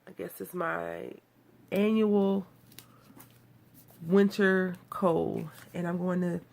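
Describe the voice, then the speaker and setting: Speaking slowly with fairly even intonation, this craft video host from Texas has a fairly low, darkish voice with vocal fry, and a cold makes her nasal. Her card-making tutorial is casual, rambling and self-deprecating.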